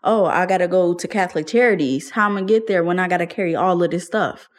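A woman's voice: on the low side, fast. A young woman telling her own story in an interview, candid and casual, using slang and laughing often. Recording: faint music underneath.

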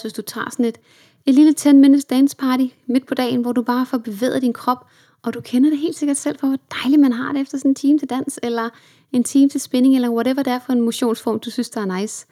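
A woman's voice: on the high side, a little mellow. A young woman hosting her own self-help podcast, chatting in an upbeat way and slipping English words into her talk. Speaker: podcast host.

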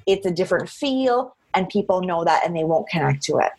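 An outgoing woman chats in an interview. Her voice has a husky edge, and she leans on repeated phrases to press her points. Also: fairly low pitch, animated, brisk, a little mellow. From Cape Breton, Canada. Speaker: interview guest, social media marketer. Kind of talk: conversational interview.

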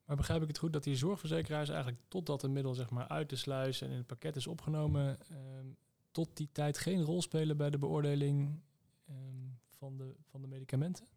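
A man's voice: on the high side, fairly even intonation, fairly quick, creaky, dark tone. A man with a Dutch accent, interviewing on a podcast with probing questions and some hesitation.

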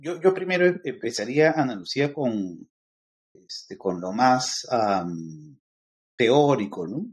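A man's voice: medium pitch, expressive, slow pace, darkish tone. Middle-aged man, Lima Peruvian accent, podcast guest, lecturing, filler-heavy. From Peru. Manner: lecturing, many fillers like "este" and "eh". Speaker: guest expert on interculturality. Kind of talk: explanatory podcast conversation.

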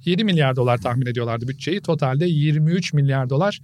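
A man's voice: mid-range voice, fast talker, darkish tone, dry recording. A man co-hosting a casual podcast chat, telling stories and explaining things point by point. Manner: storytelling, explains in numbered points. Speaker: podcast co-host.

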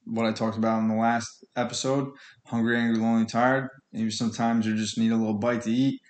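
A man's voice: mid-range voice, level tone, fairly quick, roomy sound. A man hosting a podcast on his own, giving a blunt, earnest, informal motivational monologue with colloquial phrasing and swearing. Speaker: podcast host speaking on addiction recovery.

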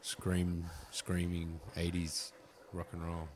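A man's voice: sits low, completely flat delivery, slow pace. A man chatting casually about films as a podcast co-host, sweary and slangy. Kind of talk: casual film chat. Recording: clearly noisy background ambience.

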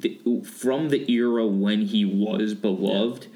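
A man's voice: on the low side, fairly even intonation, slow pace, warm tone. A man in his late twenties co-hosting a podcast, chatting casually with hesitant restarts. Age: 20s. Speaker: podcast co-host.

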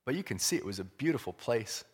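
A man preaching conversationally, halting and repeating phrases for emphasis. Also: mid-range voice, sing-song, slightly rough. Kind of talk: conversational sermon. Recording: long hall reverb.

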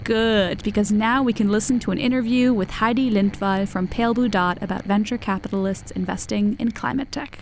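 A woman hosts a podcast with a creaky, gravelly edge in her voice. She introduces her guest in an earnest, formal manner. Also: mid-range voice, steady tone, brisk, few pauses, background noise. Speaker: podcast host. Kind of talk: interview intro.

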